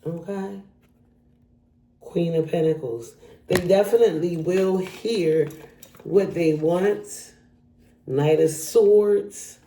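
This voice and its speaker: A tarot reader talks casually through a card spread straight to camera, chatting with the viewer. Her mid-range voice is steady and dark, slow with frequent pauses, recorded in an echoey room with a little hiss or hum.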